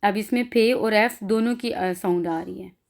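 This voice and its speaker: A woman's voice: medium pitch, a little slow, creaky. A woman with a Pakistani accent teaching a pronunciation lesson, saying example sounds one by one and explaining them in between. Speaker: language teacher.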